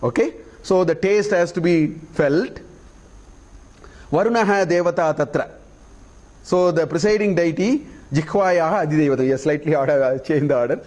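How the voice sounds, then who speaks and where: A man teaches a scripture class in a fairly high voice. He recites Sanskrit verses slowly and deliberately, then unpacks each one plainly for his listeners, often pausing to ask "okay?" before he moves on. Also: darkish tone. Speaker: Vedanta teacher.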